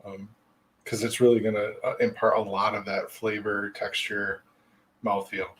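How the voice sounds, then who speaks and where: A man's voice: on the low side, flat delivery, normal speed, a bit bright, slight background noise, rough recording. A man hosting a podcast, rambling in casual chat with lots of fillers and casual swearing. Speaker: podcast host.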